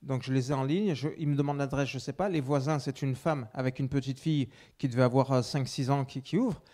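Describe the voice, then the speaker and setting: A man preaching, telling a personal testimony with many restarts, swinging between loud emphasis and hushed asides. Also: mid-range voice, steady tone, fairly quick.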